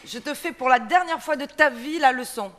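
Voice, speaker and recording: A woman's voice: high voice, normal speed, fairly bright tone. A woman in a stage comedy in a theatre, prim and correcting her partner, then launching into a gossipy family story. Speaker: comic actress. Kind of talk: stage comedy dialogue and monologue. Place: theatre stage before a live audience.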